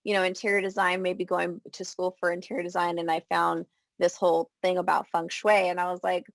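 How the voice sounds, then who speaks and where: A woman in her thirties from California, a guest chatting casually on a video call, relaxed and full of "like". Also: fairly low pitch, brisk, creaky, no room sound. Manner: relaxed, chatty, says "like" a lot, acts out her own thoughts. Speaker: feng shui consultant, guest. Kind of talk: casual interview.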